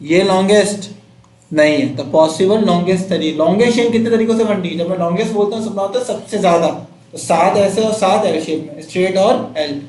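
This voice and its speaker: High-voiced teacher in an echoey classroom. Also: male voice, a little fast, a little mellow. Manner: quizzing students, counting out numbers. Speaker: chemistry teacher.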